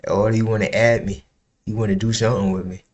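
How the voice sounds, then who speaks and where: A man's voice: fairly low pitch, level tone, brisk, a little mellow, muffled recording. An American man hosting a music reaction, talking casually and profanely back at the video. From United States. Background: the reviewed song playing faintly.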